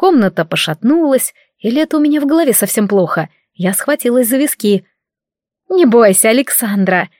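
A woman narrating a first-person audiobook in a lively, wry, conversational way. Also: fairly high pitch, fairly quick, few pauses, no echo, studio quality.

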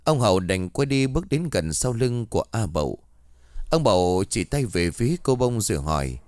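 Man reading a ghost story, low and lively. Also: moderate pace, clear, resonant tone, no echo. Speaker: narrator.

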